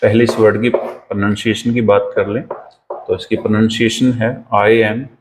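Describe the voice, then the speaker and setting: A man teaching English vocabulary in a classroom-lesson style, with an Indian accent, repeating each word slowly for pronunciation drills. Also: on the low side, level tone, background noise.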